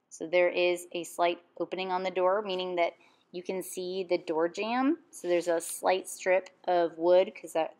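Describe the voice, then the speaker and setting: Calm, low-voiced woman teaching drawing. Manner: calm step-by-step instruction. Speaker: art teacher. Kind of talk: drawing lesson voice-over.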